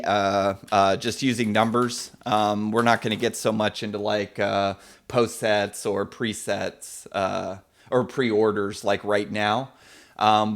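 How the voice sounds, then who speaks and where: Casual man live-coding a lesson. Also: mid-range voice. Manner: casual, many fillers, reads chat names aloud. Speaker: programming instructor.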